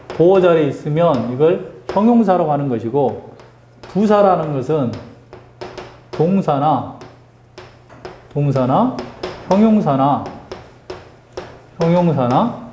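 A male English teacher giving a lively classroom grammar lesson, drilling students with call-and-response questions and teasing them. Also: fairly high pitch, reverberant, slight background noise.

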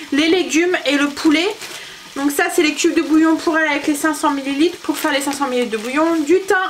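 A woman's voice: sits high, fairly bright tone, slight background noise. A woman chatting casually in a family cooking vlog, talking through her day and a recipe with frequent fillers. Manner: chatty, hesitant with many fillers and laughs. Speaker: family vlogger. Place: home kitchen.

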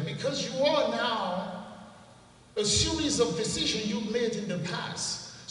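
A man in his forties from Cameroon with a Cameroonian accent, giving an earnest, measured inspirational talk into a handheld mic at an event. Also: high voice, a bit bright, far from the mic. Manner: earnest, measured, repeats for emphasis. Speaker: motivational speaker. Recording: echoey hall, heard from afar.

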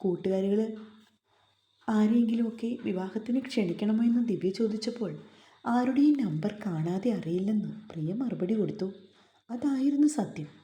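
A woman's voice: mid-range voice, lively intonation, moderate pace, warm tone, echoey room. A woman reading a story aloud as narrator, reading every character in one plain voice.

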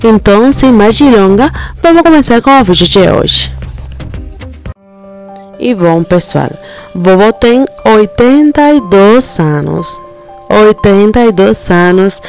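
A woman's voice: mid-range voice, creaky, darkish tone. A young Cuban woman with a Cuban accent, chatting to her viewers and saying "pessoal" again and again. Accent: Cuban Spanish. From Cuba. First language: Spanish. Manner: chatty, repeats "pessoal" often. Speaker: vlogger. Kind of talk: casual vlog talk to camera. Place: supermarket and street, indoors and outdoors.

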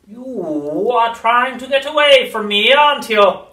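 Pushing the voice up into a mid-range, the reader plays a nasty old grandmother like a witch, gloating with drawn-out words, slow and loud, with lively intonation. The storybook reading was captured in a roomy space, far from the microphone.

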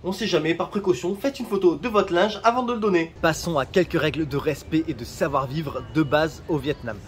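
A man's voice: fairly high pitch, a little fast. A man from France giving travel tips in a casual vlog, chatty and joking, speaking straight to viewers outdoors. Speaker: travel vlogger.

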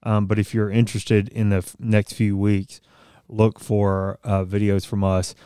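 A man's voice: fairly low pitch, level tone, a little slow, mellow, smooth, dry recording. A man in his thirties co-hosting a farm news podcast in a small studio, talking casually and reading crop statistics with frequent fillers. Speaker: podcast co-host. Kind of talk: casual radio-style news chat. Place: small studio office with bookshelves. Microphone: studio mic on boom arm, headphones.

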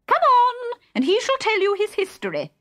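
A woman voicing an imperious, raging queen with a screeching, shrill delivery in a children's storybook reading. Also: huge pitch swings, a bit bright, soft background music, heavily acted. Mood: bossy. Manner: bellowing commands, drawn-out words.

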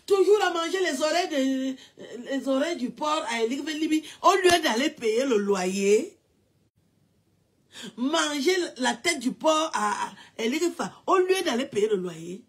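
A woman, her voice sitting high as she talks slowly. She mocks her subject in a casual rant and breaks into repeated, drawn-out mock wailing cries. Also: animated. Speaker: commentator.

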